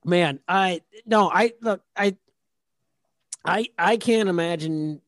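A man's voice: sits high, slow, fairly bright tone, no room sound, clean studio sound. A man co-hosting a casual podcast, laughing easily and poking fun at himself. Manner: giggly, self-deprecating. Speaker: podcast co-host.

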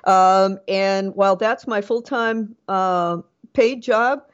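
A woman's voice: medium pitch, slow, smooth, muffled recording. A middle-aged woman, an author and professor, answering interview questions with many ums and restarts. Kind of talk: podcast interview.

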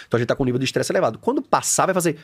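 A man with a Brazilian Portuguese accent, a coach chatting on a podcast, animated and slangy, acting out little scenes. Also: mid-range voice, very fast. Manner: animated, acts out scenes with shouted quotes, slangy. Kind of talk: casual podcast conversation.

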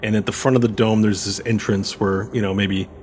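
A man's voice: on the low side, fairly even intonation, brisk, darkish tone, faint music behind. A man narrating a tabletop game as game master, improvising the scene as he goes.

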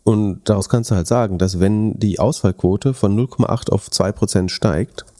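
Co-host, male, deep and warm, talks through numbers analytically. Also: moderate pace. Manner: analytical, works through figures while thinking aloud. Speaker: podcast co-host. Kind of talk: casual podcast chat.

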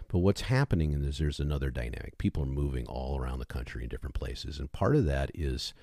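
A man's voice: extremely low pitch, expressive, fast talker, vocal fry, dark tone, no echo, studio quality. A man co-hosting a podcast in easygoing, rambling casual chat. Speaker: podcast co-host.

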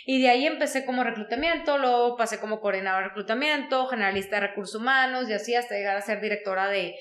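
A woman's voice: on the high side, quick pace. Woman telling her story, roomy sound. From Mexico. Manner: animated, frequent fillers like "o sea" and "¿no?". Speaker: guest, HR consultant. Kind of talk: conversational interview storytelling.

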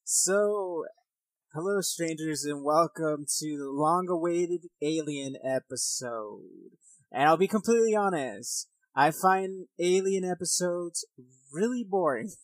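A thirty-year-old man hosting a podcast speaks in a fairly high voice with lively intonation, taking it slowly. He's casual, informal and self-deprecating as he chats and reads accounts. He uses a headset at his own setup, with no echo.

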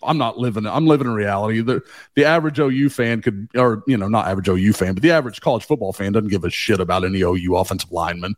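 A man guesting on a sports podcast, talking in a rambling, animated way and swearing casually. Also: on the low side, fast talker, no room sound, clean studio sound. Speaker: guest, team beat writer.

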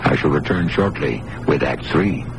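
A man doing scripted radio narration and announcing in a polished, deliberate manner. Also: very deep voice, animated, heavy background noise. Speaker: host and commercial announcer.

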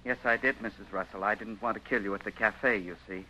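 A soft-spoken paranoid madman. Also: lowish voice, fairly quick, poor audio. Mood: cold. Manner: quiet, menacing, creepy calm. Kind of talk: 1940s radio acting.

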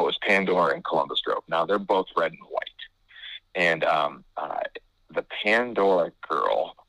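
A man's voice: low voice, pushed and bright, dry recording, poor audio. A man who works as a basketball referee, casually telling funny stories from games and chuckling at his own mix-ups. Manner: chuckles through self-mocking stories.

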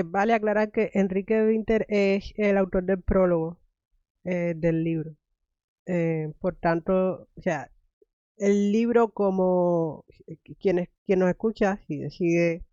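A woman's voice: on the low side, mellow, no echo. Young Cuban woman hosting, dull lo-fi sound. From Cuba. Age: young adult. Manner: thoughtful, many "eh" fillers and restarts. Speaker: podcast host, academic. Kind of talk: conversational interview, then reading a poem aloud. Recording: dull, lo-fi dry recording.

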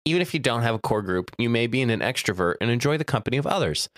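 A man hosts a relaxed chat, reading quiz questions aloud with a playful edge. His pitch swings a lot as he talks, and he laughs often. The sound is dry and close, with no room echo. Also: rapid-fire. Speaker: host. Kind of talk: casual chat.

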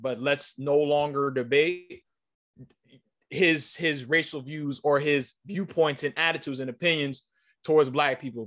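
A podcast host with a fairly bright voice on the high side argues his point in a heated debate. He's insistent and emphatic, often repeating himself.

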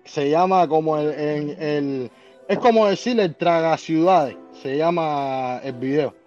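A Cuban man chats excitedly in a fairly high voice, stumbling and restarting as he goes. His sound is dull and muffled, like a lo-fi line. Faint music sits behind him. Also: unhurried. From Cuba. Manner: loud, excitable, restarts words often. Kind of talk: casual live podcast chat.

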